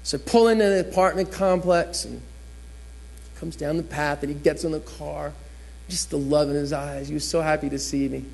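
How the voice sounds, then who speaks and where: A man with a fairly high voice preaches a sermon as a chatty personal story. He is from New Jersey and slips into the voices of the people he quotes. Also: steady tone, normal speed, creaky, darkish tone.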